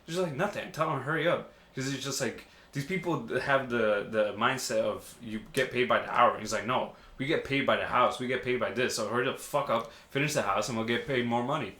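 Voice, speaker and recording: A man's voice: a little fast, few pauses. A young man co-hosting a podcast in casual chat, reacting with jokes. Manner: joking reactions, lively pitch. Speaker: podcast co-host. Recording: echoey room with faint noise.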